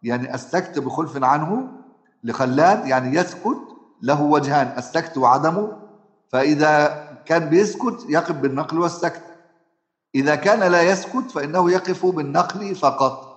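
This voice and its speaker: A man with an Egyptian Arabic accent teaching Quran recitation rules, often asking his class a question and then answering it himself, and drawing out the words he gives as examples. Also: fairly high pitch. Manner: drawn-out chanted examples. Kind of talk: tajweed lesson explaining recitation rules. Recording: roomy echo.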